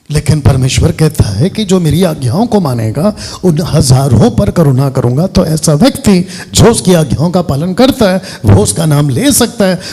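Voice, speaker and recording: A man's voice: a little high, dark tone, breathy edge. A man preaching a sermon as pastor, directive, often breaking off to give instructions. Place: church hall.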